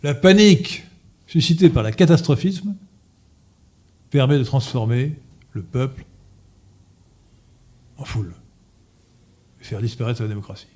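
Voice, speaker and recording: A man giving a political lecture to an audience, halting with frequent filler sounds and restarts, and repeating his points emphatically. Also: medium pitch, expressive, dark tone, breathy edge. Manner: emphatic, insistent repetition. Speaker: lecturer at an association meeting.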